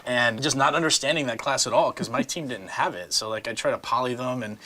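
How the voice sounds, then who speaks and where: A man's voice: medium pitch, brisk, pushed and bright, slight background noise. A middle-aged man on a panel, talking casually with many fillers and restarts and frequent laughs.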